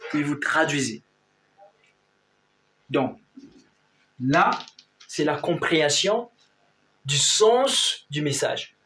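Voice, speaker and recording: A man's voice: sits high, a bit bright, reverberant. A man teaching a language lesson, explaining points with emphatic repetition.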